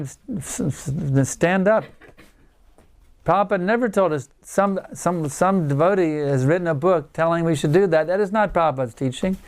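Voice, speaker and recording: Older male teacher, devotional talk, earnest and emphatic, smooth clear voice pitched a little high. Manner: earnest, emphatic, repeats words for stress. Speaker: spiritual teacher giving a lecture. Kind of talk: devotional lecture to a home group.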